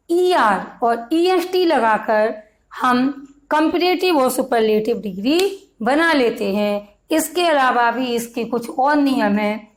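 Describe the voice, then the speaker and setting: Slow, patient Hindi-accented teacher woman. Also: a little high, rough recording. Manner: slow, repetitive, stretches out example words. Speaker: grammar teacher. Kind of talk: classroom grammar lesson.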